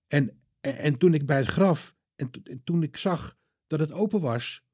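Give me a man playing an upset young woman, high and trembling, tripping over her words. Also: lively intonation, normal speed, warm tone, husky. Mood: shaken. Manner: breathless, stumbling, high-pitched pleading.

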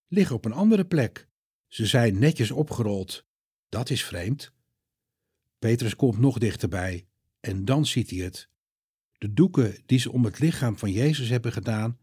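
Give me a male storyteller reading to children, expressive and a little husky. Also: lowish voice, no room sound, studio quality. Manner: lively, expressive, dramatic pauses.

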